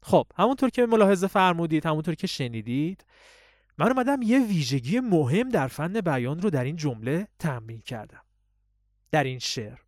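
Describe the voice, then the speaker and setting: A man's voice: sing-song, a little mellow, dry recording, studio quality. A man teaching public speaking, explaining techniques and reciting poetry to show them. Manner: swings voice high and low in drills. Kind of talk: spoken lesson with recited examples.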